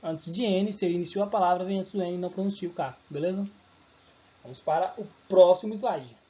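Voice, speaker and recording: A man's voice: sits high, brisk, warm tone, muffled recording. A man teaching English pronunciation in an informal online lesson who corrects his own slips as he goes.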